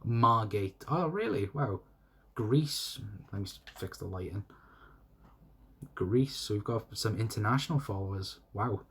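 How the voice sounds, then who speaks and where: A young South Welsh fan channel host, speaking with a South Welsh accent, reads comments on his solo livestream in a rambling, repetitive but friendly style. His fairly low voice is husky and fairly bright, expressive, at a measured pace.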